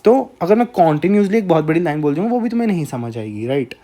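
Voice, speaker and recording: A man with an Indian accent giving a recorded lecture, speaking slowly and deliberately, often pausing to check in with listeners. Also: on the high side, expressive, mellow. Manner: slow, measured, with frequent filler checks.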